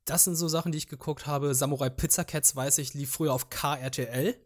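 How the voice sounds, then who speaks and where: Talking fast in a fairly high-pitched voice with fairly even intonation, a young Vietnamese-native man co-hosts a casual podcast chat. He recalls things hesitantly, meandering as he goes.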